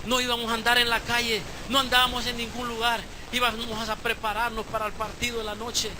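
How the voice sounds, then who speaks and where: Male pastor, sermon, very high voice, impassioned, hushed to shouting, noisy live church recording. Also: monotone, brisk. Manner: impassioned preaching, swinging from hushed storytelling to shouted exhortation. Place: church service, live stream.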